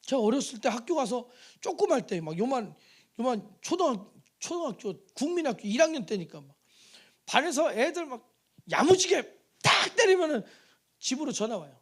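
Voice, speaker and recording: Animated high-voiced male preacher. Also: moderate pace. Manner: animated preaching, acts out voices, calls to congregation. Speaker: pastor. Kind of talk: sermon. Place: church sanctuary.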